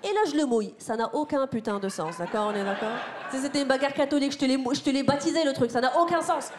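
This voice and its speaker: A woman performing a stand-up comedy set on a theater stage, talking to the crowd in an animated, slangy way. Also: high voice, fast. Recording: live theater with loud crowd noise. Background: audience laughter.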